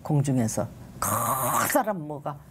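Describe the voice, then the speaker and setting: A woman's voice: extremely low pitch, animated, slow, slight background noise. An older woman, a guest on a television talk show, giving an emotional personal faith testimony that rises and falls dramatically. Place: TV studio.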